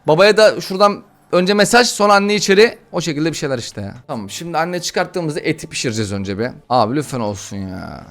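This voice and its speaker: High-voiced excitable man narrating a game. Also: fast talker, hardly any pauses. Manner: excitable, slangy, frustrated chatter. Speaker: gaming YouTuber. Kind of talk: let's-play commentary.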